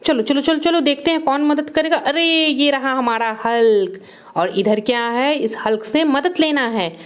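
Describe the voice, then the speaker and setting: A woman narrating toy play for children in an excited, exclaiming way, cheering the toys on. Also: sits high, a little slow, smooth.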